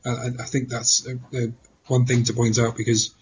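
Male co-host, thoughtful and halting, slightly muffled mic with faint hiss. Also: mid-range voice, level tone. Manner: thoughtful, stammering restarts. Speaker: podcast co-host. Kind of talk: casual game discussion.

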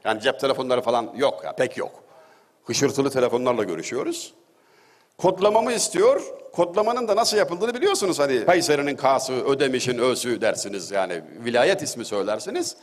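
A man's voice: mid-range voice, expressive, a little fast. Man, middle-aged, religious talk, storytelling, wry humor, long echoing reverb. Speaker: religious speaker.

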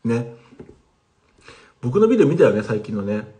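A man's voice: mid-range voice, big pitch swings, moderate pace, dark tone, a little hiss or hum. A man teaching casually on a livestream, chatting with viewers and replying to their comments. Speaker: language teacher streaming live.

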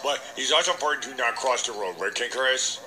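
A man's voice: mid-range voice, brisk, noisy background, lightly acted. A man voicing a nervous, earnest llama who rambles and repeats himself insistently in comic children's radio banter. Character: nervous, earnest, safety-obsessed male llama.

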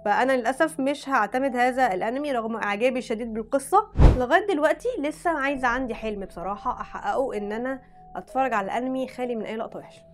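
A woman with an Egyptian Arabic accent chats frankly with her viewers at a very fast clip, her voice sitting a little high. She often breaks off mid-word and starts again. Faint music plays behind her. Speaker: anime vlogger. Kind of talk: casual chat reading out recommendations.

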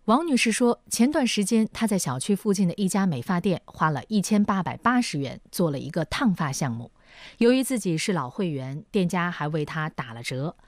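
Female news narrator, slightly low voice, animated delivery, dry studio sound. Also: dry recording.

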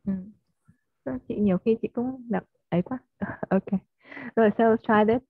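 A woman's voice: on the high side, unhurried, breathy edge, dry recording. A Vietnamese-speaking woman teaching an online English lesson, modelling stressed words and often checking with her student. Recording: slightly dull, dry audio.

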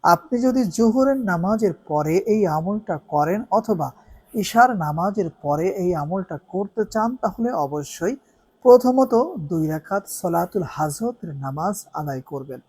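A man giving religious instruction in an earnest, instructive way, slowly drawing out the recited Arabic phrases. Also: high-pitched, expressive, darkish tone, husky. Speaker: Islamic devotional teacher.

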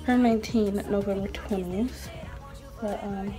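Doing her makeup in her small bedroom, a 19-year-old beauty vlogger rambles casually, filling her talk with "like" and "um". She speaks unhurriedly in a steady, mid-range voice, with music playing underneath.

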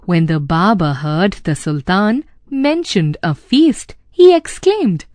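A woman with an Indian English accent narrates a children's story in a clear, expressive way. She speaks slowly, with a lively, rising and falling pitch, and is recorded dry and close. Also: no room sound. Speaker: storyteller for a children's learning channel.

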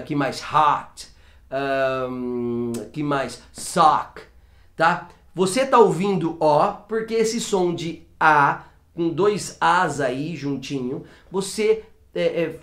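A man teaching English pronunciation in a casual video lesson, chatty and repeating example words to demonstrate sounds. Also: on the high side. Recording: roomy echo.

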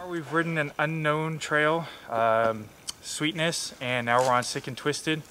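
A man's voice: on the high side, steady tone, a little slow, sharp tone. A man in his thirties giving a casual interview outdoors, easygoing and laughing often at himself, recorded on a camera mic. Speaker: mountain bike website staffer. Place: outdoors by a building wall. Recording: noisy outdoor camera audio.

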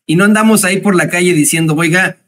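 A Mexican man with a Mexican accent giving indignant, mocking political commentary, pausing often with hesitant fillers. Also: high voice, a bit bright.

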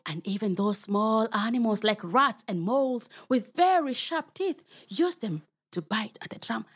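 A woman's voice: fairly high pitch, animated, unhurried, breathy edge, no room sound, clean studio sound. A Kenyan woman telling a story to children, playful and talking straight to her young listeners. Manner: playful, addresses children directly.

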